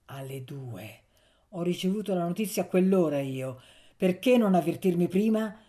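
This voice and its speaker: A woman's voice: lowish voice, lively intonation, normal speed, dark tone, natural voice. A woman voicing a grief-stricken young man who cries out in anguish and horror. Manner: anguished, crying out.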